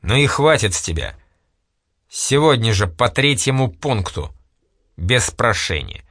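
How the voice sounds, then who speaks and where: A man's voice: mid-range voice, big pitch swings, measured pace, a bit bright, dry recording, clean studio sound. A man voicing a stern aristocratic official. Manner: stern, commanding.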